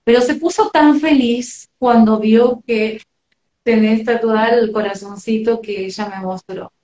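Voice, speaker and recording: A woman's voice: on the high side, steady tone, unhurried, darkish tone, reverberant, muffled recording. A woman with a Rioplatense Spanish accent, speaking tenderly and affectionately as a medium relaying messages in a live session. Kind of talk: live spiritual reading.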